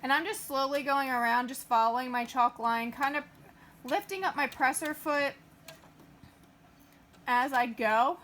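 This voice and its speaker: High-pitched chatty woman crafting. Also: unhurried, long pauses, a bit bright, slight background noise. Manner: chatty, filler-heavy, talks through each step as she works. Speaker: craft tutorial host. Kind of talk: casual sewing tutorial.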